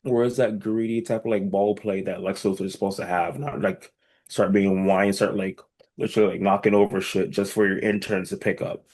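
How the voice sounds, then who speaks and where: A man's voice: deep voice, flat delivery, a little fast, darkish tone. A man co-hosting a casual movie podcast, blunt and profane, often searching for words. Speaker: podcast co-host. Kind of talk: casual movie review chat. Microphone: podcast microphone.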